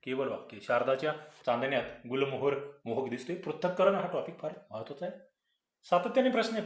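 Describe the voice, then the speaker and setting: A man's voice: mid-range voice, reverberant. A man, teaching grammar and explaining quiz answers, asking the class rhetorical questions. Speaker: exam-prep grammar teacher.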